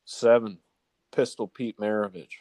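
Low-voiced man reading a countdown list. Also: steady tone, a little slow, darkish tone, no room sound. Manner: announces each ranked number, then the name. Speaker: sports talk show panelist presenting a list. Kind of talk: top ten countdown of sports nicknames, read out casually to co-hosts.

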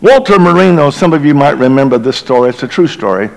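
A middle-aged man, a bishop, preaching a Christmas Eve sermon and telling a story dramatically, sinking to a hushed low voice at tense moments. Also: lively intonation, quick pace, vocal fry, poor audio.

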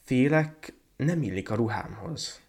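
A man's voice: medium pitch, expressive, a little mellow, slightly rough, pitched above the performer's own voice. A man voicing a haughty young woman, a professor's daughter, speaking scornfully. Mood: disdainful. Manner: scornful, dismissive.

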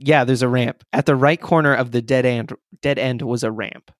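A man's voice: medium pitch, steady tone, normal speed, dry recording, clean studio sound. A man co-hosting a podcast, reading a friend's story aloud and teasing him between passages. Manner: teasing, joking. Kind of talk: casual reading with banter.

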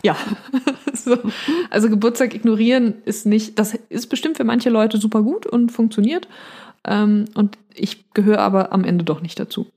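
A woman co-hosting a casual podcast, musing hesitantly with many pauses. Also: mid-range voice, fairly even intonation, warm tone, husky. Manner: hesitant, many fillers, reflective. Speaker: podcast co-host. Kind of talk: casual chat.

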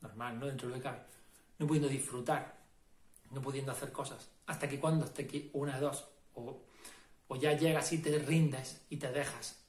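A man's voice: mid-range voice, fairly even intonation, normal speed, darkish tone, echoey room. A man giving a casual motivational talk as a self-help and meditation guide, emphatic and repetitive, often checking in with the listener. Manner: emphatic, repetitive, asks "¿no?" and "¿vale?".

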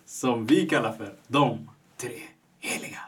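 A man's voice: medium pitch, distant mic. A man hosting a podcast, asking questions in an upbeat, playful way. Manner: upbeat, playful, quick short backchannels. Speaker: podcast host. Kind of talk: casual interview.

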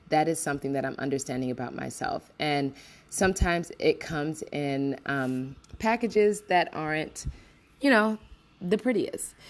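Low-voiced woman recording under a blanket. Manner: upbeat, encouraging, laughs often. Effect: muffled, recorded under a blanket. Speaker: podcast host. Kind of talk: motivational solo podcast.

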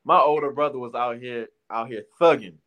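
A Detroit-area man in his thirties tells his life story as an interview guest, rambling, restarting often, and using plenty of slang. His voice is medium-pitched and fairly bright, and he talks fairly quickly in this casual personal testimony.

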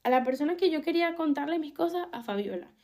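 Young Venezuelan woman, high voice, candid confessional vlogger, emphatic and unfiltered. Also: expressive, fast, darkish tone. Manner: frank and emphatic, repeats phrases, swears casually. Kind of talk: candid personal storytelling.

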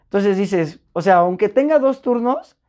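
Mellow-voiced Mexican woman telling stories. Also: medium pitch, unhurried. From Puebla, Mexico. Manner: animated, slangy, acts out other people's lines. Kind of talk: casual chat, storytelling.

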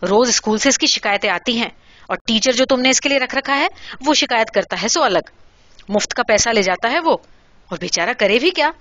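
A woman voicing an angry middle-aged mother scolding her son, with a shrill rising voice. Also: lively intonation, fairly bright tone, no room sound, dull audio. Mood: furious scolding.

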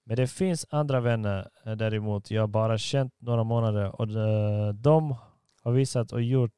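A man's voice: fairly low pitch, dark tone, clear, resonant tone, dry recording, studio quality. A young man hosting a casual chat, talking in slang and reading out listener comments.

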